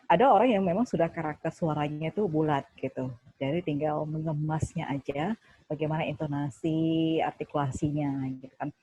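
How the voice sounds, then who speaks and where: A woman's voice: deep voice, fairly quick, dark tone, husky, no room sound, poor audio. Woman with a broadcaster's delivery. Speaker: TV news presenter and trainer. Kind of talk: workshop talk.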